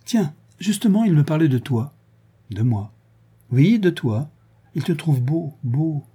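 A man's voice: a little slow, slightly rough. A man voicing a teasing, clever young woman in a read-aloud novel, in a raised, playful voice. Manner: lively, teasing, higher voice.

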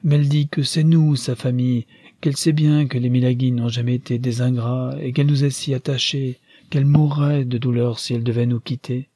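A man's voice: mid-range voice, flat delivery, fairly quick, mellow, slightly rough, dry recording, studio quality, close to an everyday voice. A man reading aloud, voicing an anxious, helpless widowed old father who frets in a plaintive way. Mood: fretful. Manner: plaintive, fussing.

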